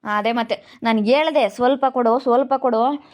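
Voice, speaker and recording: A woman's voice: a little high, normal speed, highs cut off, close to an everyday voice. A woman with a Chitradurga Kannada accent playing a scornful accomplice who sneers at and accuses the prisoner. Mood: sneering. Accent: Kannada, Chitradurga region. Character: scornful female accomplice of the captor. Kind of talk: amateur village drama.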